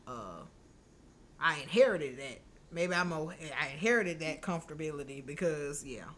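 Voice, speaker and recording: Podcast co-host, woman, low-pitched and bright, loose joking delivery. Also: moderate pace. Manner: laughs often, loose and joking. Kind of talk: casual chat.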